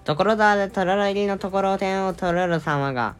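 A woman's voice: medium pitch, normal speed. A woman chatting casually in a blunt, teasing way. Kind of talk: casual chat. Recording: background music.

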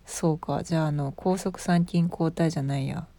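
Woman, Osaka accent, thirties, casual live-stream host, laughs often, rambling, low mellow voice. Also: fairly even intonation, normal speed, dry recording. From Osaka, Japan. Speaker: livestream host. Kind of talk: casual live-stream chat reading comments.

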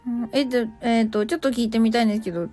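Woman live streaming, chatty, slightly high voice, reads comments, soft music underneath. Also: fairly even intonation, rapid-fire. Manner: chatty, reacts to listener comments with small laughs. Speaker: English cram-school teacher hosting a live stream. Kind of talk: casual live-stream chat reading comments.

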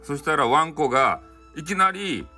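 A man's voice: a little high, expressive, moderate pace, sharp tone, soft background music. A man telling a folk tale in Hakata dialect as a bedtime story, in a loose, rambling way with many fillers and offhand asides.

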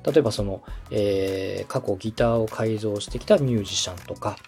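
A podcast host and production adviser with a lowish, slightly mellow voice talks a little fast, with faint music in the background. He advises politely and encouragingly, walking through things step by step in a conversational coaching style.

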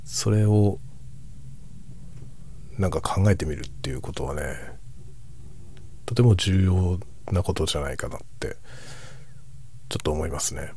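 A middle-aged man chatting casually in a hushed, soft voice, musing reflectively as if for late-night listening. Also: slight background noise. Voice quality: husky, breathy low voice. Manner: reflective, musing, unhurried soft-spoken delivery. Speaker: host of a late-night chat for falling asleep.

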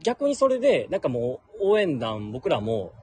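A man's voice: mid-range voice, huge pitch swings, darkish tone, husky. A man with a Kansai accent, a baseball fan club leader chatting casually and laughing as a radio guest. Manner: chatty and laughing, quick asides. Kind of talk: casual interview chat.

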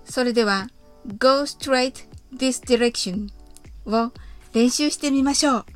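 A woman hosting an English conversation podcast, reading a lesson gently and carefully, drawing out the English examples. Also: on the high side.

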